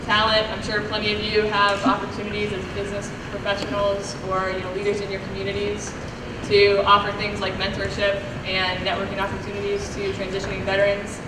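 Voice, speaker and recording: A woman's voice: mid-range voice, monotone, a little fast. Woman giving a speech in an echoey hall. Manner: hesitant, many ums and you-knows. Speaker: military veteran, guest speaker. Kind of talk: halftime appreciation speech to an audience. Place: large echoing sports venue, public address. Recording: noisy echoey hall, distant PA microphone.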